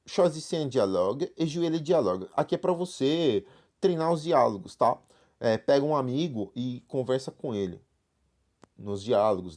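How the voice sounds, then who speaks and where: Speaking in a slightly mellow voice of medium pitch, a man whose accent is Brazilian Portuguese teaches beginners French online. He goes through the textbook step by step, peppering it with "right?"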